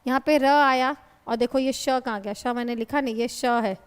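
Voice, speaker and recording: A woman's voice: fairly high pitch, moderate pace, clean tone. A woman teaching Hindi grammar in a classroom lecture. She explains patiently, asks her students questions and calls them "beta". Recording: long hall reverb.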